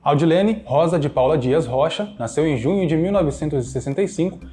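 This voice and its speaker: A man narrating a scripted radio news profile in a brisk, read-out delivery. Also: on the high side, expressive, mellow.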